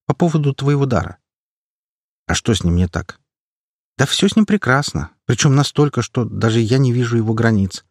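A man doing a gentle young woman healer. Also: medium pitch, expressive, moderate pace, creaky, dry recording, studio quality, pitched above the performer's own voice. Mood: earnest. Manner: soft, earnest and slightly worried.

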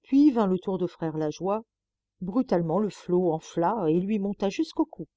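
A woman reading a fairy tale aloud in an expressive, animated storybook narration. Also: mid-range voice, moderate pace, no room sound, muffled recording. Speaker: audiobook reader.

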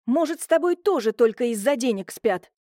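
In an audiobook, a tearful young woman protests in a high, shrill, pleading voice, as a woman acts her. Her tone stays dark and mellow, and the recording is dry and close. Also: unhurried, no room sound. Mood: upset. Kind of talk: audiobook character voicing.

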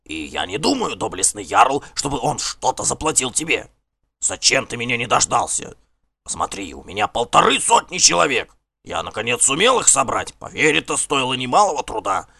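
Frantic and high-pitched, this is a man doing a two-faced Norse king from an audiobook, begging and scheming in a gravelly, raspy voice. His pitch swings wildly as he pleads, and the sound is close and dry. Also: big pitch swings, moderate pace, pushed and bright, no echo, full character voice. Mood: wheedling. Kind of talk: audiobook character voice.

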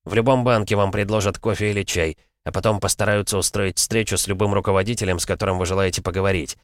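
A man voicing an impatient, irritable American man in an audiobook, gruff and grumbling. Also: deep voice, steady tone, fast, dry recording, studio quality, natural voice. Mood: irritated.

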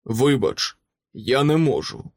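A man's voice: mid-range voice, very animated, slow, darkish tone, no room sound. A man voicing a brave middle-aged knight, urgent and anguished for his wife.

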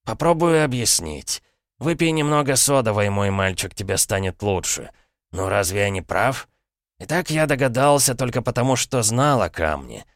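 A man's voice: mid-range voice, expressive, moderate pace, dry recording, studio quality, voice pushed up, natural voice. A man doing a sly, pompous scheming uncle. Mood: smug. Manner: smooth, mock-courteous, ironic. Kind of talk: audiobook character voice.

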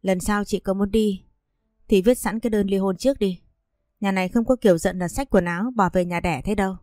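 A woman voicing a sharp-tongued, scolding middle-aged mother-in-law who sneers at her son's wife. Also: mid-range voice, brisk, no echo, clean studio sound, natural voice. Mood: scornful.

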